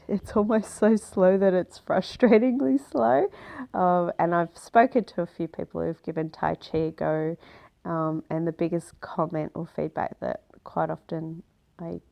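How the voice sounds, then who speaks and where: A woman's voice: on the low side, creaky, darkish tone. A woman recording a casual video diary, sounding nasal from a cold and talking in a chatty way with many ums. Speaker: vlogger.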